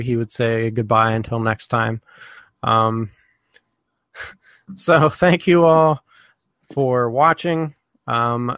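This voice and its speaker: A man hosting a live podcast in casual chat, halting with many fillers and restarts. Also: mid-range voice, sharp tone, clear, resonant tone, dry recording. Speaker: podcast host.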